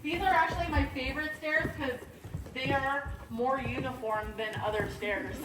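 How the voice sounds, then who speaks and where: A woman leading a cave tour in a casual, chatty way, her voice echoing off the cave walls. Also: sits high. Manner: casual, chatty, gives safety reminders. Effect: cave echo. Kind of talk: guided tour talk. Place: inside a large cave. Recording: echoey cave voice from a distance, faint noise.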